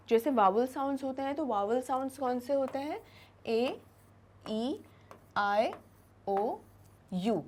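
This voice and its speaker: Woman, high-pitched, teacher explaining a lesson, Hindi mixed with English, slow repeated example words. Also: darkish tone. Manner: stretches out example words slowly and repeats them for emphasis. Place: classroom-style studio lesson.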